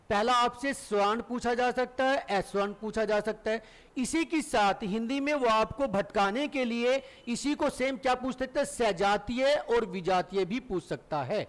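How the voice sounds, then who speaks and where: High-voiced male Hindi teacher lecturing. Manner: asks the class questions and answers them himself, stretches vowels to demonstrate. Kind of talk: classroom lecture.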